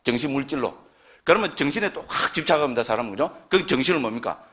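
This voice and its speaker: A man's voice: mid-range voice, animated, fast talker, fairly bright tone. A middle-aged man with a Gyeongsang Korean accent lecturing a class on early Buddhist scripture, talking conversationally and often asking the listeners for agreement.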